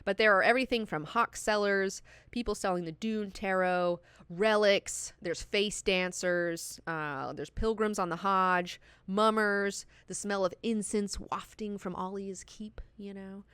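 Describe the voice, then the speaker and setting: A woman hosts a casual book discussion, recapping the story with gusto and plenty of swearing. Her voice is bright and crisp, recorded dry and close. She chats freely with lots of asides. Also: mid-range voice, fairly even intonation, unhurried, few pauses, dry recording. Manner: enthusiastic, profane, chatty. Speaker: book club host.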